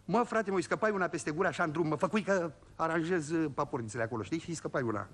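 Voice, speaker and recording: Man, high voice, folksy comic monologue, talks straight to the audience. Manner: folksy, addresses listeners directly. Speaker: comic storyteller.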